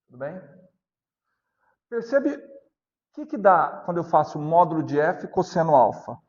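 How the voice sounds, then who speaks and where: A Brazilian man lectures a physics class in a fairly high voice. He keeps checking that students are following and repeats each step slowly. The recording is dull and lo-fi. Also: big pitch swings. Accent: Brazilian Portuguese. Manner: asks constant check questions, repeats points slowly. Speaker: physics teacher.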